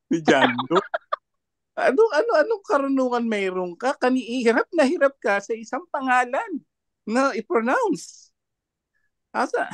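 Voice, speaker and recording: High-voiced man, mocking and laughing. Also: no echo. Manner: mocking, laughs often between jabs. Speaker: panelist commenting on a debate. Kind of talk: online discussion commentary.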